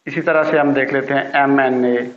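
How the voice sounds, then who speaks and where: A man's voice: medium pitch, steady tone. Man teaching grammar. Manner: patient, repeats key words slowly. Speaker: English teacher. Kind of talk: classroom grammar lesson. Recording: roomy, dull lo-fi sound.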